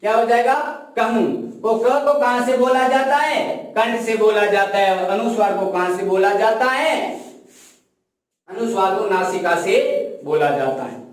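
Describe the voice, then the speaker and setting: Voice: medium pitch, unhurried. A Sanskrit grammar teacher who explains while writing on a board, asks questions and answers them, and drills by repetition. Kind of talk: classroom lesson in Hindi. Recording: very echoey room, voice far from mic.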